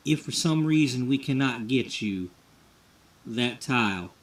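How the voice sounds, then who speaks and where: A man's voice: medium pitch, expressive, unhurried, echoey room, recorded from a distance, lightly acted. A man voicing a nervous, stammering male tile contractor in a life-sim game story, eager to please a client.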